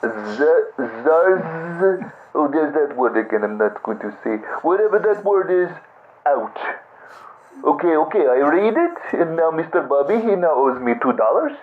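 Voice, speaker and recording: Figure: a man doing a bumbling male prison inmate. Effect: over a landline phone. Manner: halting, stammering, slow, lively pitch. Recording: tinny phone line, faint hiss. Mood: rambling.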